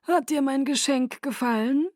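A woman reads out an old male vampire leader who courts his listeners with melodic, theatrical charm. The voice rides high and floats in a silky sing-song. It is recorded dry and close, with no room around it. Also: moderate pace, darkish tone, no room sound, natural voice. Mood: silky, delighted. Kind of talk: audiobook reading.

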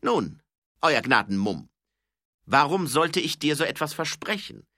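A mocking, menacing highway robber with a loud, raised, lively voice, as a male reader puts him on. He sneers down at his hostages in this storybook scene, sharp and bright in tone. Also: measured pace, no echo, clean studio sound, full character voice.

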